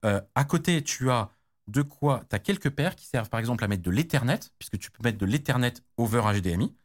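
A man's voice: medium pitch, animated, brisk. A man explaining technical standards in casual chat, slangy, with many restarts and fillers. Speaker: tech guest expert.

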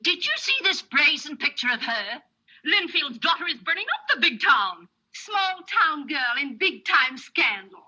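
An actress playing an outraged, excited small-town gossip in 1930s comedy film style, on an old soundtrack. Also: female voice, high voice, a little slow, muffled recording, exaggerated voice. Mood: scandalized.

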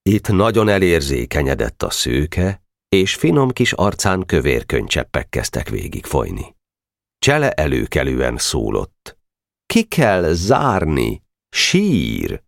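A man's voice: creaky, no room sound. A man narrating a novel as an audiobook, telling it expressively on a close mic. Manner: expressive storytelling with wide pitch swings. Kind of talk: novel reading.

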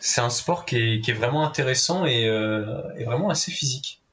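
A man's voice: medium pitch, animated, a little fast, fairly bright tone, husky. A man explaining a sport on a casual podcast, earnest and hesitant, with fillers. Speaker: podcast columnist.

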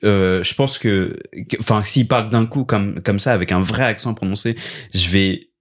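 Male interviewer, low register, informal and hesitant, circles back on his words in relaxed conversation. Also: normal speed. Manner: informal, hesitant, repeats words while searching. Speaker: podcast host. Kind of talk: casual chat interviewing.

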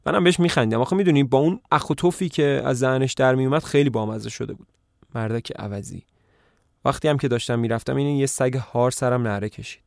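A man's voice: medium pitch, creaky, no echo, lightly acted. A man voicing a bitter, mocking runaway son back home, read plainly in a dry, close sound.

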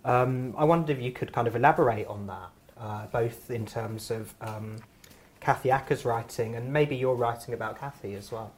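A man from Surrey with a Home Counties English accent, interviewing in a halting, diffident way at a literary discussion. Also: medium pitch, slightly rough. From Surrey, England. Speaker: event interviewer, writer.

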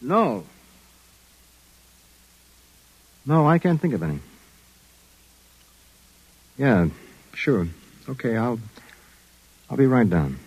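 Brusque private eye, husky, lively delivery, hard-boiled and sardonic, old radio detective drama. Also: male voice, on the low side, highs cut off, full character voice. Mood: businesslike. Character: brusque, wisecracking male private detective boss.

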